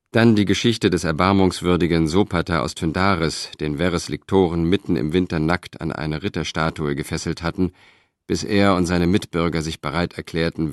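A man narrating an audiobook in the first person, in a measured, even storytelling manner. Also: low-pitched, no room sound, clean studio sound. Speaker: audiobook reader.

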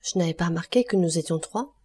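A woman's voice: on the low side, quick pace, dark tone, husky. A woman reading the part of a frank young sailor, clipped and wary, in an audiobook.

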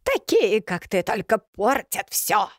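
A woman's voice: medium pitch, very animated, takes it slowly, no room sound, studio quality, voice pushed up. A woman voicing a spiteful old witch who talks with sneering, gloating scorn.

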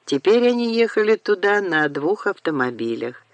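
A woman narrating an audiobook in a measured, unhurried way, recorded on a close studio mic. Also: lowish voice, very animated, no room sound.

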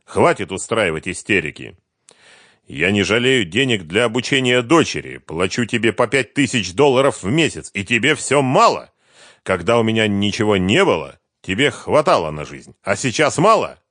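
A man's voice: lowish voice, very animated, normal speed, fairly bright tone, dry recording, studio quality, voice pushed up. A man voicing a weary divorced father who answers in a firm, exasperated voice.

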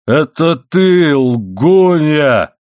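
A man's voice: lowish voice, lively intonation, slow pace, dry recording, clean studio sound. A man voicing a drunken, coarse middle-aged coal miner who drags out his words and then bellows. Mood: bellowing. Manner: slurred drawl turning to bellowing.

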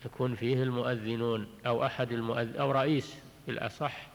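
A man teaching a religious text in a measured way, often repeating and restarting his phrases and clearing his throat. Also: mid-range voice, little pitch movement. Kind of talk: recorded lecture explaining jurisprudence. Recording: long hall reverb on an old tape.

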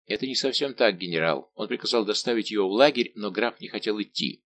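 A man's voice: lowish voice, lively intonation, fast talker, fairly bright tone. Male reader as chastened soldier, humble and apologetic. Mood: explaining.

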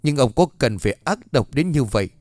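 A man voicing a drunken, hot-tempered young husband in a ghost story, shouting in a rushed, higher voice. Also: animated, dry recording, lightly acted. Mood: indignant. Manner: loud, hurried and angry.

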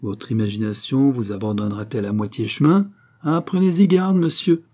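A haughty aristocratic lady with a biting, imperious tongue, put on by a male reader in a raised voice. She sounds dark and husky, cold and mocking. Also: medium pitch, moderate pace, natural voice.

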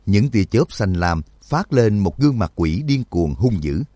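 A man narrating an audiobook in an expressive, vivid storytelling manner. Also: lowish voice, a little slow, no echo, clean studio sound.

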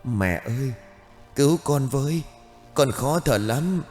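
A man voicing the ghost of a dead child in an audio ghost story, with a thin, drawn-out, wailing call. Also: medium pitch, lively intonation, a little mellow, in a large hall, soft background music, voice pushed up. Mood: drowning. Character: ghostly dead child crying for his mother.

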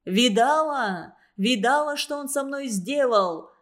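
A woman reading a storybook aloud and voicing an enraged older man who shouts in outrage. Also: sits high, expressive, slow, full character voice. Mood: indignant. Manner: shouting, indignant. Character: furious older man, roaring at the barber.

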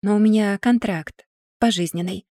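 A woman's voice: mid-range voice, normal speed, dark tone, no echo, studio quality, lightly acted. A woman voicing a stern, patient older brother in an audiobook, talking firmly and lecturing. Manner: firm, lecturing.

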